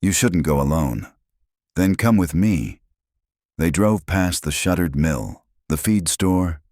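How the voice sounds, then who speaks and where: Super deep guy reading a creepy story, dry close mic, lots of pitch movement. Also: a little mellow, dry recording. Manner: slow, ominous storytelling. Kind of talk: scripted suspense narration.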